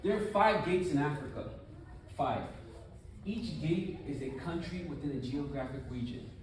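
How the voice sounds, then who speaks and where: Male speaker, conference talk, lively and chatty, fairly high voice, heard from a distance in a reverberant hall. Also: normal speed, slight background noise. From United States. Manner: animated, conversational, rhetorical questions. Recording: echoey room, from far off.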